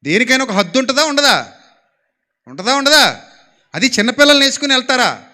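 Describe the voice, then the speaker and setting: A man preaching a sermon in a high, bright voice. He fires rhetorical questions and has the congregation repeat lines after him. His volume swings between soft asides and loud, ringing calls. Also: very animated, quick pace. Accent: Telugu. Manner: exhorting, asks the congregation to repeat lines aloud.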